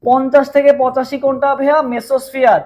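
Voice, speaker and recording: A man with a Bangladeshi Bengali accent teaching a live online chemistry class, his voice hoarse from a long day of teaching, repeating questions and drilling answers with students. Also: extremely high pitch, flat delivery, fast, darkish tone.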